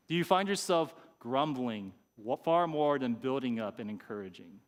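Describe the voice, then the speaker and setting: A pastor giving a conversational sermon, sometimes acting out people's inner thoughts. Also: male voice, medium pitch, in a large hall. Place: church sanctuary.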